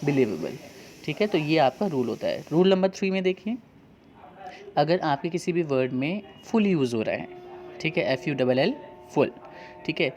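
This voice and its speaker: A man's voice: on the high side, lively intonation, normal speed, pauses often, a little mellow, slight background noise. A male teacher with an Indian accent, explaining spelling rules to seventh graders, asking rhetorical questions and answering them himself.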